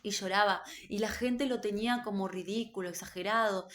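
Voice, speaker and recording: A woman giving an earnest, emotional religious testimony about a vision, told slowly. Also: medium pitch, fairly even intonation, fairly bright tone. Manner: earnest, slow, emotional storytelling. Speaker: believer recounting a vision.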